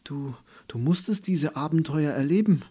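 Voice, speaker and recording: A man's voice: a little high, animated, breathy edge, pitched above the performer's own voice. A man doing a shy grumpy non-unicorn. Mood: sheepish, hesitant. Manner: quiet and unsure, halting. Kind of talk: storybook reading.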